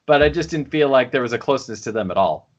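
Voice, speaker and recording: A man co-hosting a podcast chats casually in a medium-pitched, animated voice, talking fast and rambling with lots of fillers and restarts. The recording has its highs cut off.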